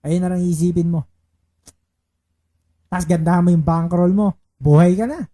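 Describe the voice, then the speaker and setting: A man chatting casually on a live stream as he plays baccarat, reading out viewer shoutouts and chanting his betting calls. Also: sits high, steady tone, moderate pace. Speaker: livestreaming baccarat player.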